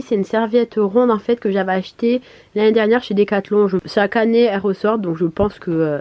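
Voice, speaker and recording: A woman chatting casually in a vlog, her voice hoarse, congested and duck-like from swollen tonsils, speaking in a chatty, hesitant way. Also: medium pitch, darkish tone. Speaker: vlogger. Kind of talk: casual vlog chat to camera.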